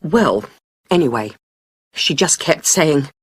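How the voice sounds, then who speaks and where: A rambling witness recounting a street theft to the police in a scripted listening test. Her voice sits low and husky, and her pitch swings widely as she tells it. The recording is dry and close. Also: takes it slowly, no room sound, heavily acted. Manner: rambling, lively storytelling. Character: chatty female witness recounting a street bag snatch.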